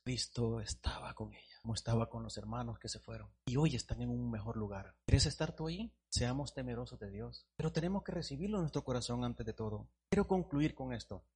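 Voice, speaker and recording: A man preaching a sermon to his congregation, repeating phrases and swelling loud on key points. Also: medium pitch, breathy edge. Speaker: pastor. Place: church congregation.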